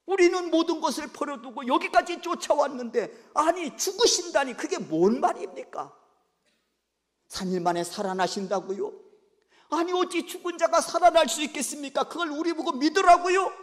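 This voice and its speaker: A man's voice: very high-pitched, very animated, moderate pace, big-room sound, pitched above the performer's own voice. A pastor voicing an indignant male disciple who protests and pleads. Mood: protesting.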